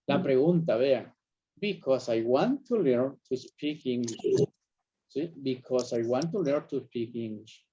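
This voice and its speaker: Slow, patient male teacher, lo-fi sound. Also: medium pitch, expressive, warm tone, husky. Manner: patient, repeats examples and checks understanding. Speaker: English teacher. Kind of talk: classroom lesson explaining grammar.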